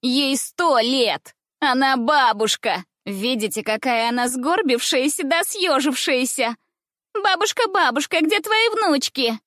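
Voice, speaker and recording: A woman's voice: high-pitched, expressive, measured pace, a bit bright, no room sound, clean studio sound, voice pushed up. A woman voicing spiteful young schoolgirls who jeer and threaten in a sing-song taunting way, in a storybook reading.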